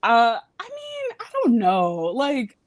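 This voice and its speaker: A young woman from Virginia with Jamaican family calls in from home to a casual chat show, speaking frankly and rambling, with lots of fillers and free swearing. Her voice is high and slow, its pitch swooping wildly, captured in studio quality with no room sound.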